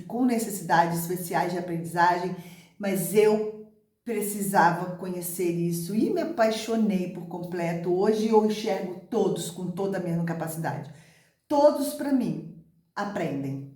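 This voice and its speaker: A woman's voice: lowish voice, normal speed, warm tone. A middle-aged Brazilian woman teacher talking to viewers about how she learned to read and about literacy methods, emphatic and repeating key words. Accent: Brazilian Portuguese. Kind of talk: personal talk to camera on teaching methods. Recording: echoey room.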